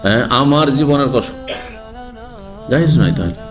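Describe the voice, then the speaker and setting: A man's voice: medium pitch, lively intonation, normal speed, over music. A man, an Islamic scholar giving a religious lecture who explains and asks the audience rhetorical questions.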